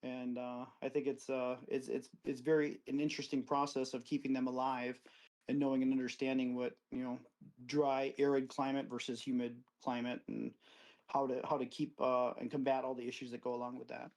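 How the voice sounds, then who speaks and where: A middle-aged cactus grower from Wisconsin, USA, guests on an interview in an outdoor desert garden, telling long, rambling, anecdotal stories about his life. His voice is level, darkish and fairly quick, and he acts out quoted friends with livelier pitch. The recording is rough.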